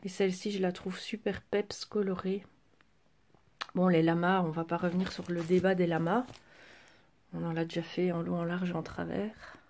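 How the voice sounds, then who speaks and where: A woman chatting casually through a craft shopping haul, pausing with fillers as she handles each item. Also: on the low side, level tone, a little mellow, a little hiss or hum. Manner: chatty, hesitant fillers while handling items. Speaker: craft vlogger. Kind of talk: casual haul show-and-tell.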